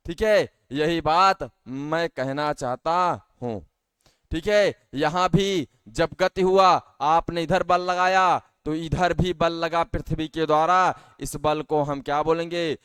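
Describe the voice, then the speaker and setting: A man's voice: on the high side, fairly bright tone, smooth, no echo. A male teacher giving a science lesson to schoolchildren, patiently asking questions and answering them himself, often calling them dear children.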